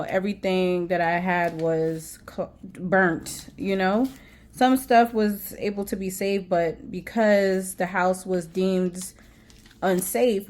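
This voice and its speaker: A woman telling a personal faith story in a casual vlog, emotional and repeating herself as she talks to her viewers. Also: medium pitch. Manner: emotional, repeats herself, often says "y'all". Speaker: faith vlogger.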